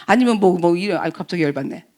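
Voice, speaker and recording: A woman's voice: lowish voice, fast. A middle-aged woman pastor preaching a sermon, asking the congregation questions and acting out voices and sound effects. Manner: animated, acts out quoted voices and sound effects; asks the congregation rhetorical questions.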